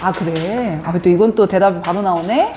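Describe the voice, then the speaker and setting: A woman's voice: on the low side, moderate pace. A woman English teacher giving a live classroom lesson, quizzing and teasing her students as she goes. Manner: lively, questioning students, teasing. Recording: echoey classroom with faint hiss.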